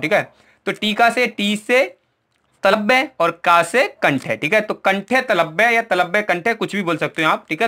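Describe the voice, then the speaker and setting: A male Hindi teacher in an exam-prep lesson, with a high, bright, ringing voice. He quizzes the class and answers his own questions, checking in after each point. He walks through memory tricks while pointing at what he has written. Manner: repeats "ठीक है" often, asks questions and answers them himself.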